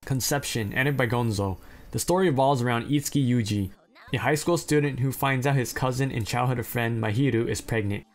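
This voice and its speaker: A man reads through anime plot summaries at a middle pitch, with faint music under him. He keeps cutting in with blunt, profane, self-deprecating remarks between the synopses. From China. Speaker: anime list narrator. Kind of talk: reading anime synopses with casual asides.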